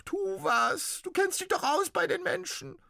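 A man voicing a trapped male ghost in a storybook reading, with a very high, squeaky, shrill voice. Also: animated, unhurried, vocal fry, bright, forceful tone, no room sound, studio quality, full character voice. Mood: frantic.

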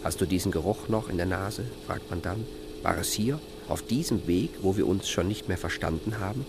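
Deep-voiced man narrating calmly. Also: creaky. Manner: calm, measured, contemplative. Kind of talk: scripted documentary narration.

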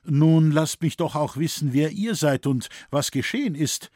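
A man voicing a compassionate young man in a storybook reading, speaking with concern and sorrow. The voice sits higher than his narration, husky and close in a dry sound. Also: measured pace, a little mellow, no room sound. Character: kind young man, a glassmaker, full of pity. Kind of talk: audiobook reading.

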